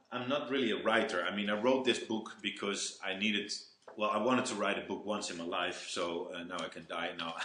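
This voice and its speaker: A man giving a live webinar talk, halting and restarting words often, with self-deprecating jokes. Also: low voice, a bit bright, echoey room. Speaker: webinar speaker.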